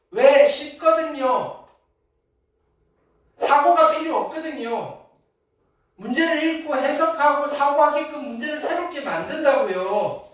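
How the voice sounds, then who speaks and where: A high school math teacher giving an emphatic classroom lecture, often checking in with the class with short questions. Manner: emphatic, keeps asking "됐나요?" and "알겠어요?"; lively, loud bursts then drops low. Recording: very echoey classroom from far off.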